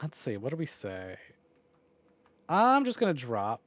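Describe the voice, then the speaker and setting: Wrapping up his game stream, a man speaks at a measured pace in a medium, slightly bright voice that swings hugely in pitch. His chatter is informal and rambling with some mild swearing, and the recording is dry.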